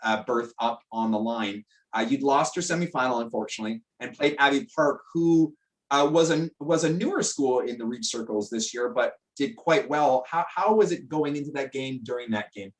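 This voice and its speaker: A man's voice: mid-range voice, moderate pace. A man hosting a casual online interview, chatty and jokey, often restarting his sentences. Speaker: interview host.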